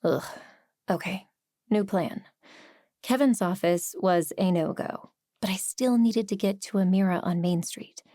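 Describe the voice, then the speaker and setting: A woman narrating a first-person cozy mystery novel, brisk and expressive, sometimes dropping to breathy whispers. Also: mid-range voice, dry recording, studio quality. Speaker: audiobook narrator.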